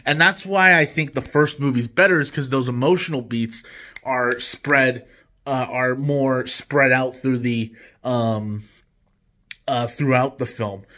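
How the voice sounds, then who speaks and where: A man's voice: mid-range voice, fairly even intonation, unhurried, pushed and bright. A man hosting a casual movie review vlog, rambling with lots of restarts and fillers. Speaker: host.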